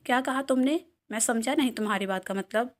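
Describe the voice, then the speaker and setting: A woman's voice: a little high, a little fast, natural voice. A woman reading a novel aloud and voicing a cocky young man who teases and mock-threatens. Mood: teasing. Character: brash cocky young man, teasing boss.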